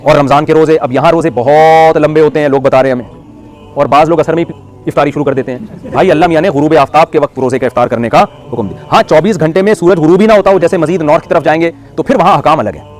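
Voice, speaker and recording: A middle-aged man delivering a sermon, animated and joking, asking the audience questions. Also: on the high side, fast talker, soft background music. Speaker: preacher.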